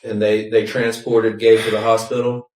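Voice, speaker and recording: Guy lawyer asking witness questions, flat delivery, echoey and off mic. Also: fairly low pitch, moderate pace. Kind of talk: courtroom questioning. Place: courtroom. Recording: echoey, distant courtroom microphone.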